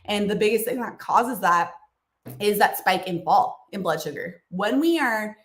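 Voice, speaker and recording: An expressive, unhurried woman with a mid-range voice, recorded with a roomy sound, hosts a nutrition livestream Q&A. She explains casually with fillers and small laughs, and her slightly froggy voice leads her to clear her throat and cough.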